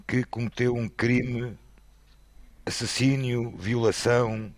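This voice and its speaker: A man's voice: medium pitch, creaky, husky, dry recording. A man with a European Portuguese accent putting direct questions in a panel discussion. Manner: inquisitive, direct.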